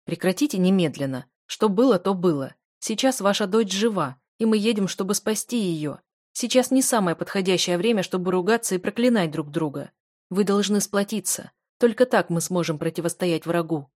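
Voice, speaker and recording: A woman's voice: mid-range voice, moderate pace, a little mellow, dry recording, clean studio sound, close to an everyday voice. A woman reading an audiobook and voicing a blunt male friend who speaks firmly and takes charge. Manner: firm, commanding. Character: grown man, blunt loyal friend.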